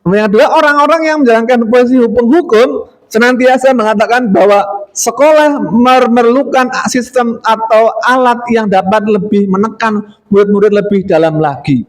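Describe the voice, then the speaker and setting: High-voiced chatty male teacher. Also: moderate pace, poor audio. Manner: chatty, many fillers, acts out scolding and pleading quotes. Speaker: teacher presenting to colleagues. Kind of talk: informal teacher training talk.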